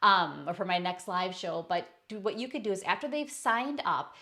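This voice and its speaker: A woman's voice: mid-range voice, expressive, moderate pace, pushed and bright. A woman coaching online business owners in a casual screen-share tutorial, chatty and self-correcting as she talks through her slides.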